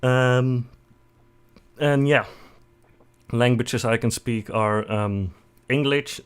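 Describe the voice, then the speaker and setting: A young man from the Netherlands, a native Dutch speaker with a Dutch accent, casually introduces himself on a livestream as a VTuber streamer. His medium-pitched voice is smooth and very slow, and he rambles with lots of fillers and self-deprecating jokes.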